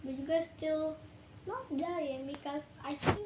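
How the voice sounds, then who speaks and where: A woman's voice: sits high, a little slow, echoey room, dull audio, very noisy. A woman chatting playfully to her viewers in a silly vlog, giggling and talking to herself as she goes. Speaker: vlogger.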